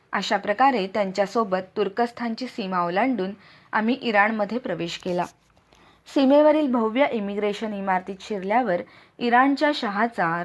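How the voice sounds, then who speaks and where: A woman reading a first-person audiobook aloud with expressive, dramatic storytelling. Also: medium pitch. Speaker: audiobook narrator.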